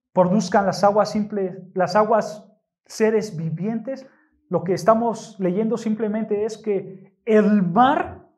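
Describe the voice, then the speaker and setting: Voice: medium pitch, a little mellow. A preacher delivering a sermon to a congregation, stressing key words and asking rhetorical questions. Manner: emphatic, rhetorical questions, addresses congregation often. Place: church.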